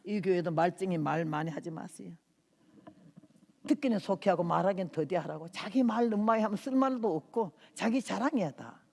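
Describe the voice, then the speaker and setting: A woman in her eighties, a missionary giving an impassioned testimony sermon in a church, swinging from hushed tones to loud outbursts. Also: on the low side, brisk, creaky. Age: 80s. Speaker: missionary preacher. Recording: long reverb of a church hall.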